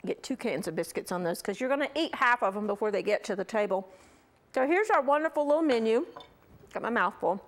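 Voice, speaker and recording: A woman's voice: mid-range voice, fast, few pauses, fairly bright tone. A middle-aged woman hosting a cooking show, gushing enthusiastically over the food she demonstrates.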